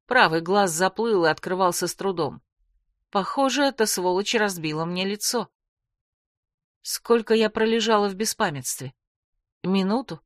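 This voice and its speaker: A woman narrating a first-person fantasy audiobook with dramatic, expressive storytelling. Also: medium pitch, dry recording, clean studio sound.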